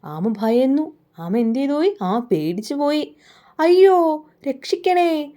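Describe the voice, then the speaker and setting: A woman teacher guides small children through a workbook story, putting each question to them and then answering it herself. Her voice sits slightly high, with a gentle, patient rhythm. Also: very animated, measured pace. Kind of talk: explaining a primary-school workbook story.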